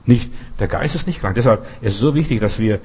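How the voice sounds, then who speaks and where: A man's voice: on the low side, a little fast, darkish tone, breathy edge. A man preaching a sermon in German, which he learned as an adult, with earnest repetition and rhetorical questions. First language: not German.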